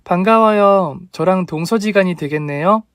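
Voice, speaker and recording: A man voicing a polite, hesitant young daughter-in-law in a dramatized story, speaking higher than his own voice. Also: a little slow, no room sound, studio quality.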